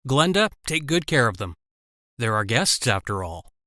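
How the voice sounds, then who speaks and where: Man doing a sarcastic villain captor, taunting, pitched up, animated story voice-over. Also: moderate pace, no echo, clean studio sound. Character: sneering villainous middle-aged male captor.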